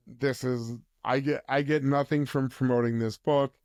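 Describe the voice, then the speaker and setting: A man speaking as a mental health counsellor guest on a podcast, explaining in a measured way. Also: medium pitch, fairly even intonation, a little mellow, no room sound, studio quality. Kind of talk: podcast interview conversation.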